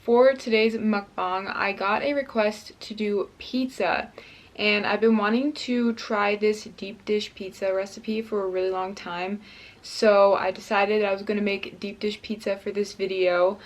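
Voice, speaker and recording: A young woman talks straight to her viewers while hosting a food vlog. Her chat is casual and upbeat, with a slightly nervous edge. She sits at an average pitch. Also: fairly even intonation, a little slow. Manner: chatty, upbeat and a little nervous. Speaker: mukbang vlogger.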